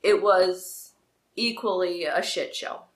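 A woman's voice: fairly low pitch, takes it slowly. A woman co-hosting a casual podcast, telling a story animatedly and acting out the people in it. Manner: animated storyteller, acts out quoted voices. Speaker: podcast co-host. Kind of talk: casual chat. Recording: echoey room.

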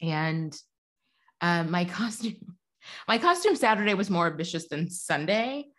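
A woman's voice: fairly low pitch, measured pace. A woman co-hosting a podcast, chatting casually and acting out bits of her stories in silly voices. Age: adult. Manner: animated storyteller, acts out bits in silly voices. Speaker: podcast co-host. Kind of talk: casual chat.

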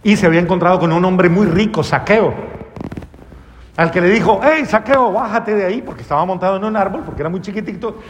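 A man's voice: high-pitched, quick pace, slight background noise. Guy preaching, tells the story big and acts out quotes, long echoey room. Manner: dramatic storytelling with acted-out quotes and big swings in loudness. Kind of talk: sermon.

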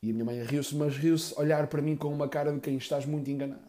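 A male comedian tells crude, rambling stories from his childhood in a stand-up set. His voice is mellow and rounded, and he drops deadpan asides as he goes. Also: a little high, fast. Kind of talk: stand-up storytelling.

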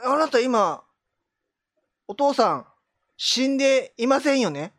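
A woman playing a solemn, trustworthy fortune teller in comedic improvised role-play, talking slowly in a low, hushed voice. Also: sing-song, no room sound, clean studio sound, exaggerated voice. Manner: slow, low, hushed delivery.

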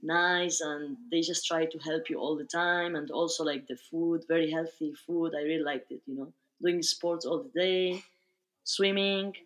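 A woman's voice: sits low, steady tone, moderate pace. A young woman from Spain, chatting as a podcast guest with lots of "like" and "you know". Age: young adult. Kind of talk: casual interview.

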